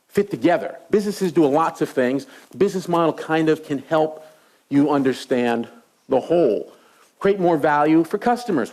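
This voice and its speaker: A man's voice: on the high side, a little mellow. A middle-aged man giving a university lecture, telling stories with animation and asking the audience rhetorical questions. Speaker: associate professor lecturing.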